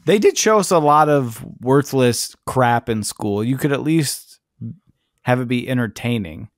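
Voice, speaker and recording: A young man co-hosting a casual podcast chat, joking and slipping into high mocking voices. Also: lively intonation, unhurried, dry recording, studio quality. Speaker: podcast co-host.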